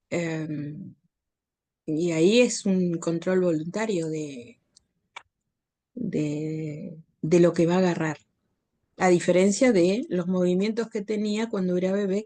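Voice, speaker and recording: A woman student answering in an online class over a video call, hesitant with many pauses and restarts. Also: on the low side, warm tone. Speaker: course participant.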